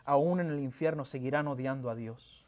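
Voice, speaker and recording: A pastor preaching a sermon in a church, asking rhetorical questions and reading scripture with emphasis. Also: male voice, mid-range voice, moderate pace, darkish tone. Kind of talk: Spanish-language sermon. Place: church sanctuary.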